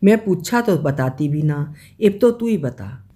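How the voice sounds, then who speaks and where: A man's voice: on the high side, animated, unhurried, warm tone. A reader voicing a stubborn king who keeps pressing for an answer. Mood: insistent. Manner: pleading, insistent. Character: insistent king, pestering and stubborn.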